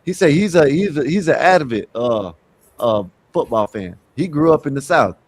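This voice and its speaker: A man's voice: on the high side, expressive, normal speed. A man on a casual panel giving his opinion in a laid-back way, often adding rhetorical asides.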